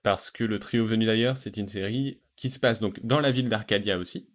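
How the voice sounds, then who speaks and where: Chatty podcast host guy, kinda low voice, excited, stumbles a lot. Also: brisk. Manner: enthusiastic, hesitant with many fillers. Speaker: podcast host reviewing animated series. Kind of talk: casual chat.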